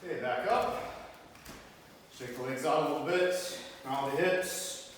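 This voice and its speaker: A man's voice: on the high side, unhurried. A man leading a karate class as instructor, giving directive, step-by-step spoken exercise commands. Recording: very echoey hall, distant mic, faint noise.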